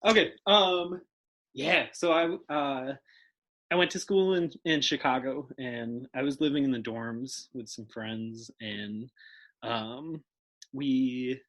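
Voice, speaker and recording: A man's voice: medium pitch, fairly bright tone, rough recording. A young man, a podcast guest, chatting casually and rambling with lots of fillers and laughs. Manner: rambling, filler-heavy, giggly. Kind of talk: casual chat.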